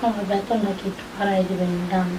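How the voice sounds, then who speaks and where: A woman's voice: mid-range voice, level tone, very fast, distant mic, natural voice. A woman playing a timid young housemaid who answers meekly and deferentially. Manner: meek, deferential. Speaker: maid. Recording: echoey room, off-mic, faint noise.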